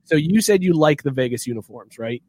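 A man's voice: fairly high pitch, animated, fairly quick, darkish tone, dry recording. A man hosting a casual sports podcast, joking and laughing often as he leads the topics. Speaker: podcast host.

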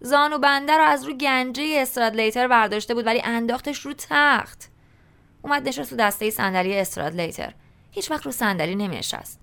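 A woman's voice: a little high, gravelly, fairly bright tone, clear, resonant tone. A woman narrating a novel in the first person, in a colloquial, conversational storytelling style. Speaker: audiobook narrator.

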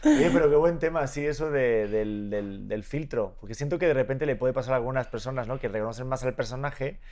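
A man hosting a podcast, eagerly jumping in with quick questions in casual chat. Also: mid-range voice, a little mellow. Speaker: podcast host.

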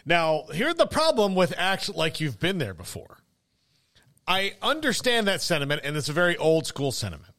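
A man's voice: high voice, fairly bright tone. A man giving opinionated conversational commentary as a sports show co-host.

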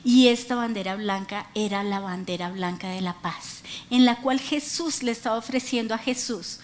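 A middle-aged woman preaching a lively sermon, acting out quoted voices and prompting the audience to repeat after her. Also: mid-range voice, normal speed, a little hiss or hum.

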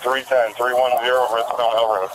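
A man's voice: mid-range voice, flat delivery, normal speed. Male dispatcher over police radio. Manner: clipped radio codes. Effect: police radio transmission. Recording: noisy, distant police radio audio from body cam footage.

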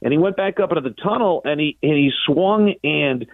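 An American sports broadcaster appears as a guest on sports radio, recounting things conversationally and in long-winded detail. His voice is a little high, gravelly and expressive, moving a little fast. The recording is dry with no echo and has a narrow, phone-like band.

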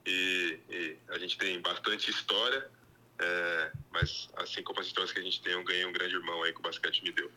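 Low-voiced guy on speakerphone, really sharp tense sound, friendly rambling stories. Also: steady tone, normal speed, low-quality recording. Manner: friendly, storytelling with many fillers. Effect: heard over a phone on speakerphone. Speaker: phone-in guest, former teammate. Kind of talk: casual chat.

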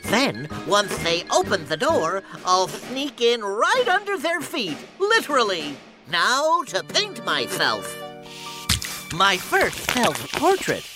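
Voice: medium pitch, huge pitch swings, takes it slowly. An actor voicing a vain, scheming male cartoon duck with a lisp and a sarcastic, bombastic manner. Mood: smug. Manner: sarcastic, bombastic self-narration. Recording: music behind. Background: cartoon score.

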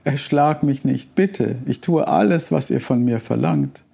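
A man voicing a frightened little old male wizard who is a fraud, speaking in a trembling, pleading, hushed way in a storybook reading. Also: fairly low pitch, lively intonation, takes it slowly.

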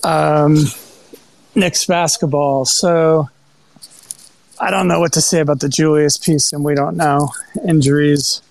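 Man, fairly high voice, guest caller, casual sports chat. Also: steady tone, measured pace, vocal fry, dry recording, poor audio.

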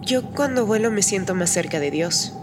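A woman's voice: mid-range voice, expressive, moderate pace, background noise, close to an everyday voice. A woman acting in an audio drama as a devout, fearful airline passenger. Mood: reverent.

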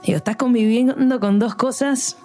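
A woman with an Argentine Rioplatense accent who co-hosts a podcast and builds her questions slowly with asides. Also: a little high, steady tone, a little mellow, soft background music. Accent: Argentine Rioplatense Spanish. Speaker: podcast co-host.

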